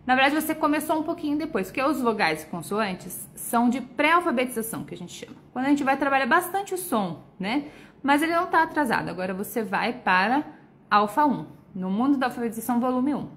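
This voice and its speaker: Woman, Brazilian accent, literacy educator on a live Q&A, slightly high voice, patient and explanatory, frequent check-in tags. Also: animated, fast talker. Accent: Brazilian Portuguese. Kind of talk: live Q&A, answering viewer questions.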